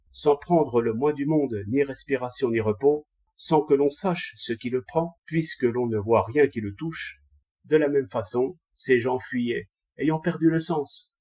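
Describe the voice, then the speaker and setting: Brief: male audiobook reader, mellow and husky, steady storybook narration. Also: medium pitch. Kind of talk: scripted narration of a classic text.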